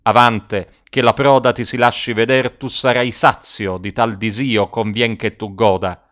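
A man voicing a calm, wise old male spirit guide, speaking in measured, solemn reassurance in a dull lo-fi recording. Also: mid-range voice, close to an everyday voice.

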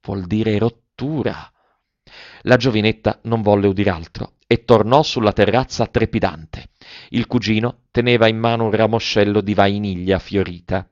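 Low-voiced male audiobook narrator. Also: no room sound, highs cut off. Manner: measured, expressive reading. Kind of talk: audiobook reading.

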